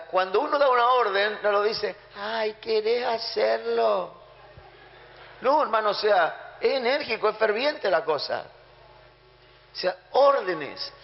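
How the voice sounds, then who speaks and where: Argentine pastor guy preaching hard, highish voice, dull sound with long hall echo. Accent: Argentine Spanish. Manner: emphatic, with acted-out prayers. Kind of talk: sermon. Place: church hall. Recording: muffled sound in a reverberant hall.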